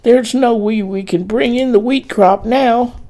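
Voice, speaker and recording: A man's voice: extremely high pitch, mellow, pitched above the performer's own voice. A man doing a shaken, hurt farmhand. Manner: halting, urgent. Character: injured male farmhand, shaken and worried.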